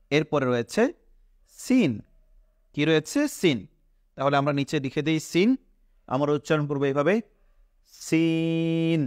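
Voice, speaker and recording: Bangladeshi guy teaching quran letters, bit high voice, slow patient repeats every sound, dry close sound. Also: dry recording. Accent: Bangladeshi Bengali. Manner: asks the class questions and answers them himself. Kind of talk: step-by-step pronunciation lesson.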